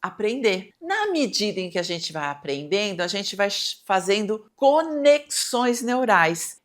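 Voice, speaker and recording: A woman giving a lesson on behavior, expressive and speaking straight to the listener with rhetorical questions. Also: mid-range voice. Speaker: teacher. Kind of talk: recorded lecture on behavior.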